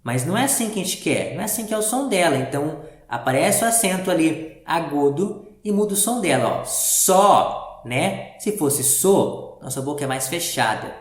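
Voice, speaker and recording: A male teacher walks young pupils through a reading lesson, patient and step by step. His pitch rises and falls in a lively way as he quizzes the class. The recording sounds roomy and echoey. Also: brisk, few pauses. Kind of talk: primary school reading lesson. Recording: roomy echo.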